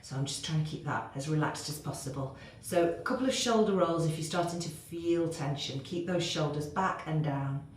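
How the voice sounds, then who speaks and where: A woman's voice: sits low, normal speed, hardly any pauses. A woman fitness instructor cueing moves as she exercises along, growing out of breath. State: getting out of breath. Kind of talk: workout instruction. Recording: very echoey room, faint noise.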